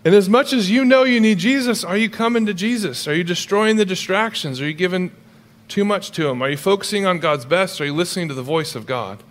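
A middle-aged male pastor preaching a sermon in a lively, conversational way with humorous asides. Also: sits high, a little fast.

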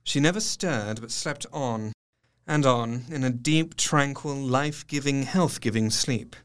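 An actor playing an earnest, observant male doctor narrating his diary in an audio drama, articulate and measured. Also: medium pitch, a bit bright, smooth, close to an everyday voice. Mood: weary, watchful. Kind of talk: scripted first-person narration, audio drama.

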